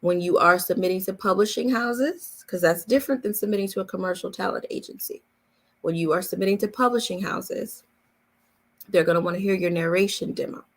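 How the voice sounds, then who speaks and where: Hosting a live Q&A, a voice-over coach chats casually in a mid-range voice at a fairly quick pace. She explains things emphatically, point by point, repeating herself for emphasis.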